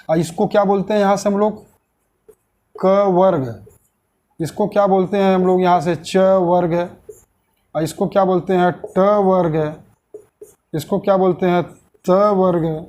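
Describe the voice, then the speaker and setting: A man with a high-pitched, slightly mellow voice teaches a grammar lesson online. He poses questions to the class, answers them himself, and repeats key terms slowly.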